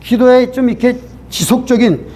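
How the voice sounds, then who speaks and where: A man preaches a Sunday sermon in a notably high, light voice. He tells a story earnestly and keeps turning to the congregation with rhetorical questions. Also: moderate pace, mellow. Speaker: pastor.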